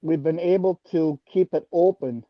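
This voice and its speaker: A man's voice: fairly high pitch, moderate pace, no echo. Older man calling in over the phone. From Wisconsin. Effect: heard over the phone. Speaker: caller, detecting club founder. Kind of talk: casual call-in chat. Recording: dull dry phone audio.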